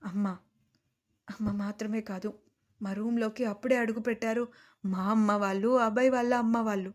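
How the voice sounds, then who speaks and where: A woman's voice: on the high side, steady tone, normal speed, a little mellow. A woman narrating a first-person audio story with emotion, turning to speak directly to her listeners.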